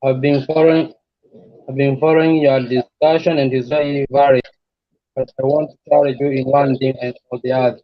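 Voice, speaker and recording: A man's voice: mid-range voice, little pitch movement, brisk. A man calling into a live online discussion, speaking politely but challenging the hosts, his voice doubled by an echo from a second logged-in device. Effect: doubled echo from being logged in on two devices. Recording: lo-fi, distant online call.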